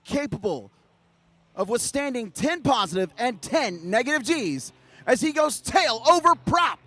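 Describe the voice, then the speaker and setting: A man giving excited live air show commentary with punchy emphasis, hyping up the crowd as announcer. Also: very high voice, unhurried.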